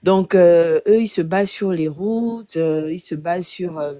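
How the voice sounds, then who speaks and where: A woman speaking as a guest on a live panel discussion, reasoning aloud with many pauses, fillers and restarts. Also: lowish voice, crowd noise.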